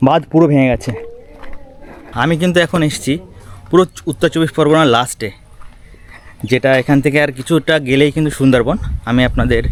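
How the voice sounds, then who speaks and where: A man's voice: mid-range voice, a little mellow. A man narrating a travel video outdoors by a river, pointing things out to viewers and chatting with locals. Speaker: travel vlogger. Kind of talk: walking tour narration. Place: outdoors by a river, village path and boat.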